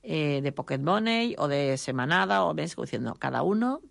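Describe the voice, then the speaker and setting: A middle-aged woman, a mother and author telling lively family stories in an interview, briefly mimicking her children in a higher voice. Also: fairly quick, creaky, no echo, studio quality. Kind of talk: interview answer, storytelling.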